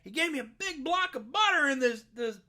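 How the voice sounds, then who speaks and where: A storyteller voicing Jack, an earnest, simple-minded young farm boy who talks in a whiny, halting way. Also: high-pitched, animated, pushed and bright, pitched above the performer's own voice, full character voice.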